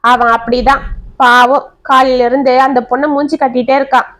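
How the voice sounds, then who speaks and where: A woman voicing an older mother who scolds her son quickly and sympathizes with her daughter-in-law. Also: high-pitched, little pitch movement, a bit bright. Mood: chiding.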